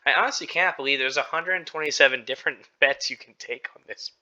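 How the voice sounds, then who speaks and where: A man's voice: mid-range voice, fast, sharp tone, muffled recording. A man co-hosting a sports betting podcast, talking casually and rambling with lots of fillers and self-deprecating laughs. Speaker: podcast co-host.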